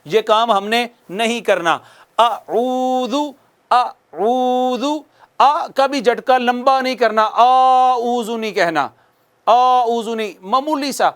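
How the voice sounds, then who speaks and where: A man teaching Quranic recitation on a TV lesson, explaining patiently to viewers and drawing out Arabic phrases slowly as models to repeat. He speaks with a Pakistani Urdu accent. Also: high voice, clean tone. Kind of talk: televised tajweed lesson.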